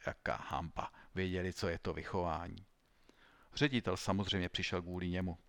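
Low-voiced man reading a story. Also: fairly even intonation, fairly bright tone, dry recording. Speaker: narrator. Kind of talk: audiobook reading.

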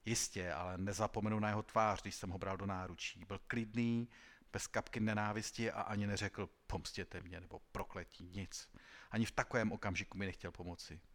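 A man voicing an ancient, grim male spirit of death who hungers for young lives, speaking low and quiet. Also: steady tone, close to an everyday voice. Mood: bitter.

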